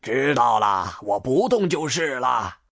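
Woman doing a deep, doting old grandpa. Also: very animated, slow pace, no room sound, studio quality, exaggerated voice. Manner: warm, teasing, modest.

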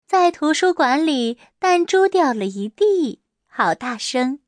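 Slow sing-song woman reading a storybook. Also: high-pitched, sing-song, no room sound, clean studio sound. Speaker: storybook reader. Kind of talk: children's picture book read-aloud.

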